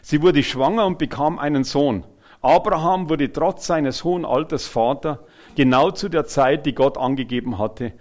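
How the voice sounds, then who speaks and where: A man delivering a sermon, speaking to the listeners directly and swinging from loud, emphatic phrases to quiet ones. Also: a little high, normal speed. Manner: animated, swings between loud and soft, chuckles. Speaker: preacher.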